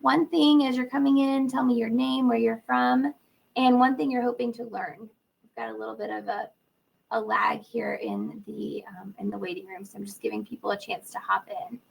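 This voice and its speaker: Losing her voice to a cold and sore throat, a woman runs a live teaching webinar from an indoor room, cheerfully and casually welcoming attendees by name. As a literacy educator and host, she speaks at normal speed with a steady tone in a fairly high, gravelly, husky voice. The recording is rough.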